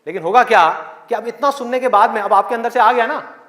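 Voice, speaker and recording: With an extremely high, fairly bright voice and a fast delivery, a man gives a motivational session to a hall audience, full of rhetorical questions and acted-out voices. The echoey room carries a faint crowd.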